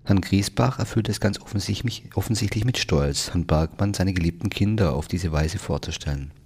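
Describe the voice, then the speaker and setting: A man reading a novel aloud in wry, measured scripted narration. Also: sits low, darkish tone, slightly rough. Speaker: audiobook narrator.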